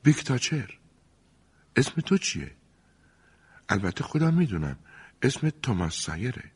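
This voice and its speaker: A man's voice: mid-range voice, sing-song, darkish tone, breathy edge, long reverb tail, voice pushed up, exaggerated voice. A man voicing a shy, curious schoolgirl in an audiobook, whispering and coaxing. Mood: eager, pleading.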